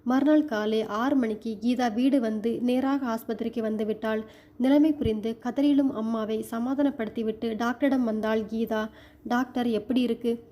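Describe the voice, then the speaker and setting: A woman storyteller giving scripted narration in a steady, measured reading. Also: a little high.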